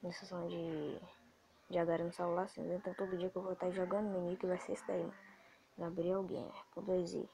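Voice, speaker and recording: A male gaming host with a Brazilian Portuguese accent, excitable and swearing as he comments on his gameplay. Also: high-pitched, vocal fry. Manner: excitable, swearing, quick to frustration.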